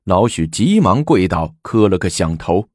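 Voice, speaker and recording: A man telling a historical tale in a lively, dramatic traditional storytelling manner. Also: deep voice, a little slow, no echo, clean studio sound.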